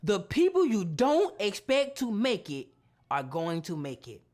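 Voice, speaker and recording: A woman voicing a great solemn divine male voice from heaven, slow and grave. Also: mid-range voice, wildly swooping pitch, darkish tone.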